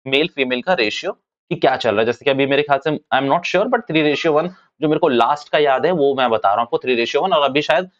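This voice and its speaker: His mid-range voice fairly quick, a man gives a relaxed commerce lecture, repeating points and chatting with students he calls "bhaiya." The sound quality is dull and lo-fi.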